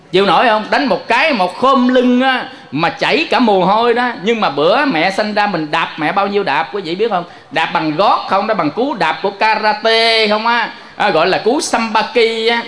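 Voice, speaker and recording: A man preaching a Buddhist sermon. His voice sits high for a man. He tells vivid stories and keeps calling out questions to his audience. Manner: lively storytelling, addressing listeners directly.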